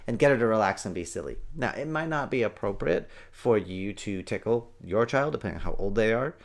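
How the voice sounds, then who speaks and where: A man in his thirties hosting a parenting show, giving emphatic, animated advice that swings between loud and hushed. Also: lowish voice, fairly quick, creaky. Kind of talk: energetic parenting advice talk.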